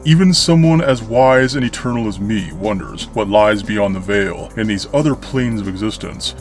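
Male horror-show host, fairly low register, scripted narration delivered with ornate, grandiose storyteller flair, soft music bed.

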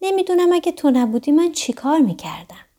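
A kind father from a children's storybook thanks his daughter in a warm, praising tone, as a woman narrator voices him. The voice sits fairly high, with a lively lilt. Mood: grateful.

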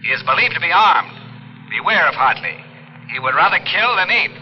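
A man playing a brisk radio announcer reading an urgent police bulletin in clipped official tones. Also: on the high side, expressive, close to an everyday voice. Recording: dull old radio recording with faint music.

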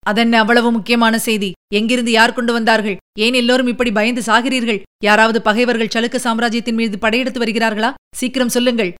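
A woman giving voice to a proud, commanding emperor from a classic historical novel. He speaks in stately, formal sentences, and the voice stays smooth and clear, sitting a little high. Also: level tone, fast talker, hardly any pauses, fairly bright tone, close to an everyday voice. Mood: impatient. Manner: stately, formal, pleading then insistent. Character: proud middle-aged male emperor, commanding. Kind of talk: audiobook character reading.

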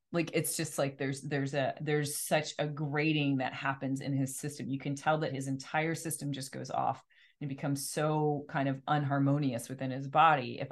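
A woman talking casually and reflectively, rephrasing her thoughts informally as she goes. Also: sits low. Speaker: life coach and energy healer. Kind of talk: casual conversational discussion.

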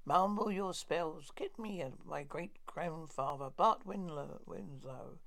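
A man voicing a greedy, reckless young man, demanding and halting, in a dramatic storybook reading. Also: on the high side, gravelly, a bit bright, full character voice.

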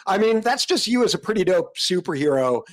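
A man's voice: sits high, sing-song, brisk, rough recording. A man co-hosting a casual livestream, rambling with restarts and laughing often while demonstrating AI image prompts.

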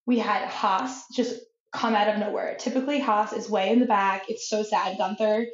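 A woman's voice: medium pitch, fairly even intonation, moderate pace, roomy sound, lo-fi sound. A woman co-hosting a podcast in a playful, chatty way, laughing often and leaning on "like.". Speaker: podcast co-host. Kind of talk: casual chat.

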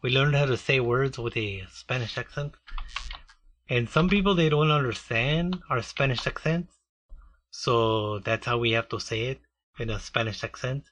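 A man's voice: medium pitch, animated, normal speed, fairly bright tone. A man chatting casually and joking sarcastically, who grew up in a Mexican community. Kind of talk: casual chat.

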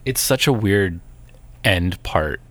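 A man's voice: low-pitched, expressive, slow pace, fairly bright tone, soft background music. A man in his forties co-hosting a podcast, chatting casually in a rambling, laid-back way. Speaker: podcast co-host. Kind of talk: casual chat.

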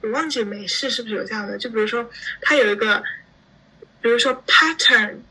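A teenage girl from China, chatting as a guest in an interview, animated and quick to laugh. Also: a little high, crowd noise, low-quality recording. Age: teens. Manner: chatty, animated, laughs often while explaining. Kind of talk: casual interview chat.

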